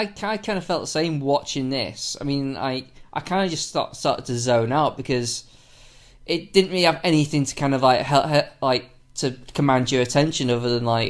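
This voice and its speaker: A man co-hosting a podcast film commentary, talking in a hesitant, rambling way. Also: mid-range voice. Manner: hesitant, rambling, filler-heavy. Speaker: podcast co-host. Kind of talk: casual film-commentary chat.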